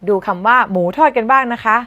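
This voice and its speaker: A woman from southern Thailand giving a casual online English lesson, chatty and playful, repeating each word slowly for students to practice. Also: fairly high pitch, sharp tone, muffled recording. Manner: playful, teasing asides. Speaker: English teacher.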